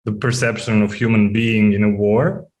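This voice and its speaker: A film director from Serbia, talking plainly and briefly in a festival Q&A, sometimes searching for words. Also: male voice, fairly low pitch, fairly even intonation, moderate pace, a little mellow, low-quality recording.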